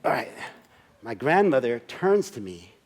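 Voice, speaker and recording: A man's voice: medium pitch, sing-song, a little slow. Man in his 60s telling a life story. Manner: conversational, acts out scenes with asides to the audience. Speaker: solo stage performer. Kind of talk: autobiographical storytelling monologue. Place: church service.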